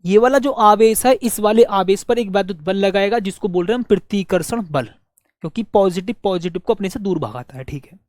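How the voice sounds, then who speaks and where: A male teacher leads a physics class, repeating each phrase slowly so students can take notes. He poses questions and answers them himself, and coaxes his listeners as dear friends. The voice is dry and close, with no room sound. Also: high voice, no echo. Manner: warm coaxing address to students as dear friends. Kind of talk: physics lesson with dictated notes.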